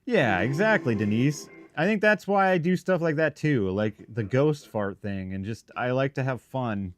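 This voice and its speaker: This paranormal investigator runs a live stream from a shop, his medium-pitched voice animated and moving at a normal speed. Soft music plays in the background while he rambles casually to viewers in broken, think-aloud phrases.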